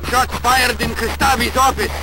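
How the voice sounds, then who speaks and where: An actor playing an urgent, official security officer issuing alerts to troops in a video game. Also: male voice, extremely high pitch, steady tone, moderate pace, music in the background, poor audio. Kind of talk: video game radio chatter.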